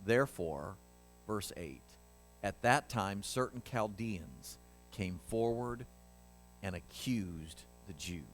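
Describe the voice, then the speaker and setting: A man's voice: lowish voice, expressive, slow pace. A man preaching a sermon in a church, conversational and emphatic, often asking the congregation questions. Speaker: pastor.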